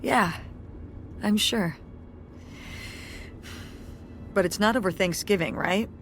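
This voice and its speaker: An actress plays a wry, worn-out middle-aged mother who runs a community theater, delivering dry, self-deprecating humor in naturalistic game dialogue. Her mid-range voice moves at a normal speed with a fairly bright tone, close to everyday speech, over slight background noise. The mood is earnest.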